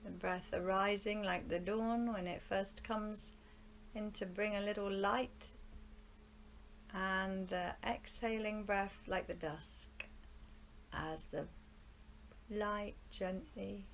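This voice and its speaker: A yoga nidra teacher guides a live group relaxation in a rural studio, her mid-range voice steady, soothing and unhurried, with long pauses and phrase endings that soften into a breathy near-whisper. Birdsong and outdoor ambience drift in beneath faint background noise.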